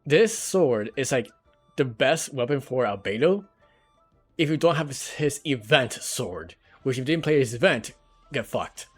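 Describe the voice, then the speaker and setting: A man's voice: medium pitch, animated, measured pace, slightly rough, faint music behind. A man giving casual, rambling gameplay commentary on a livestream, talking into a headset mic and swearing now and then.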